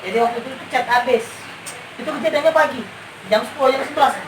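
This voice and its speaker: This guest is a woman with a high-sitting voice who talks fast while casually recounting ghost sightings. She repeats phrases for emphasis. The recording has a roomy feel, a distant mic, and background noise.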